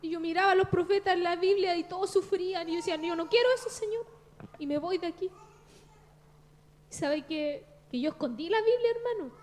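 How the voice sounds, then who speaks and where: A woman's voice: extremely high pitch, a little mellow. A Chilean woman in her thirties giving an earnest, confessional testimony at a church service, often addressing listeners as brother.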